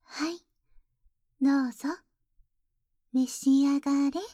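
A woman's voice: high-pitched, steady tone, slow pace, dark tone, no room sound. A woman voicing a polite but jealous young maid in an ASMR roleplay, speaking very formally and whispering close to the ear. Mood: teasing, jealous. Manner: very formal, deferential speech with teasing jabs. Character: polite, jealous young maid who calls herself boku. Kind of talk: ASMR roleplay audio drama.

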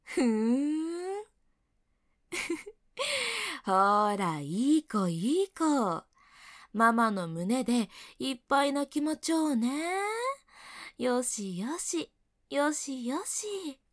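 A bossy but doting older coworker, played by a woman, who scolds her junior and then turns soft and teasing. Her voice sits somewhat high and swings widely in pitch. She speaks slowly into a dry, close mic in a second-person audio role-play. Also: sing-song, dry recording, heavily acted. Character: bossy yet doting older female coworker, young adult. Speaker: senior colleague.

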